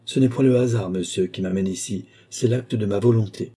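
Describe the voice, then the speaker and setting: Defiant young peasant in an audiobook, low and dark, read plainly by a man. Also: fairly quick, husky. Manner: cool, defiant. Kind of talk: audiobook character reading.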